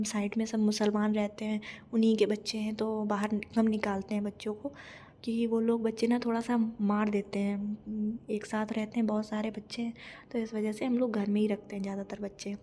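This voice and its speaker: A woman vlogging casually at home, telling her day in a chatty, lively way. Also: mid-range voice, moderate pace, slight background noise. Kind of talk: casual home vlog narration.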